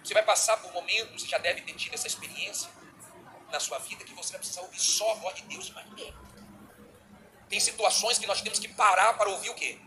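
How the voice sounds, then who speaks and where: Man, middle-aged, Brazilian Portuguese accent, sermon, animated storytelling, very bright tone. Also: high-pitched, quick pace, slight background noise, rough recording. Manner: animated preaching, acting out little dialogues. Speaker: bishop preaching.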